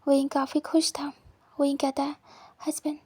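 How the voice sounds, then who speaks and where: A woman narrating a fanfiction story in an even, monotone reading manner. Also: high-pitched, moderate pace.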